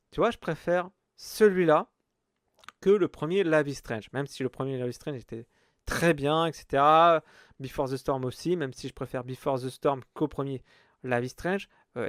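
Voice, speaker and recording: A man's voice: mid-range voice, normal speed, no echo, clean studio sound. A man giving a casual video game review in French, rambling with many fillers and restarts.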